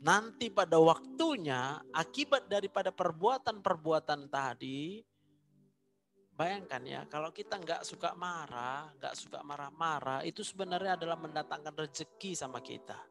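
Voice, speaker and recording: A man preaching a sermon, animated, repeating phrases for emphasis. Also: a little high, normal speed, over music.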